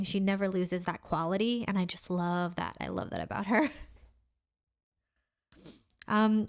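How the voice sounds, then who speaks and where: A woman co-hosting a podcast, chatting casually with lots of laughter and filler words. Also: mid-range voice. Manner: chatty, laughs often, many "like"s and "you know"s. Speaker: podcast co-host. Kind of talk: casual chat.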